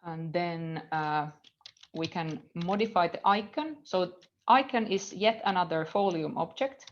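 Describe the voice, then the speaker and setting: This woman's fairly low voice moves a little slowly as she, a Finnish-accented lecturer in her thirties, teaches a live coding class from an indoor computer. She thinks out loud, peppering her speech with fillers and drifting off as she reads the code. The audio is dull, carrying a slight hiss or hum.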